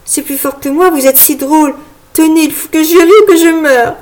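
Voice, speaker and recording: An earnest, naive young girl from a storybook, as a woman reader puts her on. Her voice jumps very high and pleading, breathless with feeling. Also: steady tone, fairly quick, dark tone, lightly acted. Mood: apologetic giggly.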